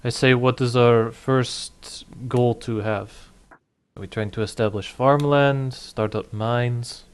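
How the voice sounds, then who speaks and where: A man's voice: medium pitch, steady tone, slow, smooth, natural voice. A man putting on an Eastern European accent to voice an adventurer in a tabletop game. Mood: questioning. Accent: put-on Eastern European.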